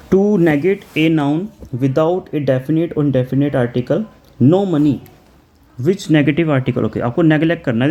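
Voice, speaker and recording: A man's voice: fairly high pitch, dark tone. A man teaching German for an exam, explaining each answer step by step, chanting article tables aloud and reading English questions.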